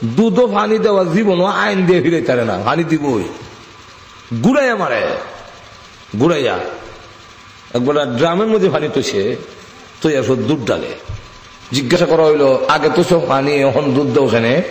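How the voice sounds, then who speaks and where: A man preaching an impassioned sermon. He swings from loud, fervent calls to hushed storytelling. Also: on the high side, animated, normal speed, long pauses, slight background noise. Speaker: Islamic preacher. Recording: reverberant public-address sound with faint ambience.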